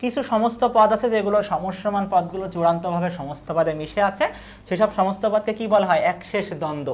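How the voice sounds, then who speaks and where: A woman's voice: mid-range voice, fast talker, darkish tone. Woman teacher talking through exam answers. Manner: asks questions and answers them herself; repeats key words and lists. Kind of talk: exam-prep lecture.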